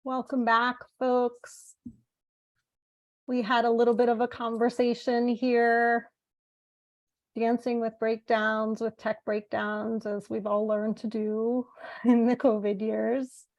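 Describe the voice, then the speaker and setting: Speaking slowly in a slightly high voice with little pitch movement, she guides an online workshop through casual lecturing and group facilitation, captured with lo-fi sound. US-born to Italian parents, she is bilingual and has spent half her life in Italy.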